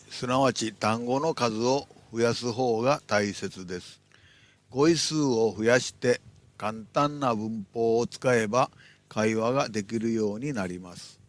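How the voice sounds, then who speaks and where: A man's voice: medium pitch, no echo. Man giving a plain, dry language lesson. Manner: plain, instructive, declarative. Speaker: language teacher. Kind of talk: scripted lecture narration.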